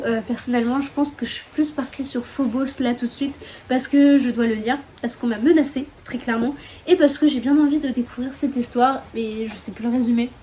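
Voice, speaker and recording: The voice is high-sitting and mellow: a young French-accented book vlogger chatting loosely about books, heavy on fillers and self-deprecating asides. With windows open at home during a storm, the clip carries faint wind and rain in the background.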